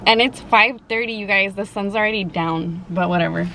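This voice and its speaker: A woman chatting casually and haltingly to viewers in slangy, informal speech while eating, sometimes with her mouth full. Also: mid-range voice, sharp tone, rough recording. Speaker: mukbang vlogger. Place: open-top Jeep outdoors. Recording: clear car and outdoor ambient noise.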